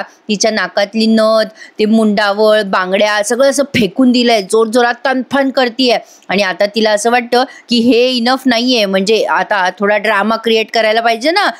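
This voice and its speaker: A woman narrating a voice-over recap of a TV serial, chatting with her viewers and acting out the characters' lines. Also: a little high. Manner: retells scenes and acts out each character's lines; chatty, addresses viewers directly. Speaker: TV serial reviewer.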